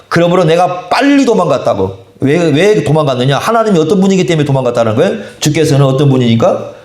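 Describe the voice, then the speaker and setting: A male pastor delivers a sermon in a church, his slightly high voice rising and falling with wide swings. He keeps putting questions to the congregation and answering them himself. The sound carries a roomy church echo. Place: church sanctuary. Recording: echoey church room.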